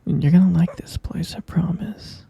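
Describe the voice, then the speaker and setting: A man's voice: sits high, fairly even intonation, moderate pace, dull audio, heavily acted. Man whispering as a possessive captor boyfriend. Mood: possessive, coaxing. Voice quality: breathy whisper. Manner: soft, coaxing, menacingly sweet. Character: possessive obsessive young man keeping his lover caged. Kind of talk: whispered ASMR roleplay.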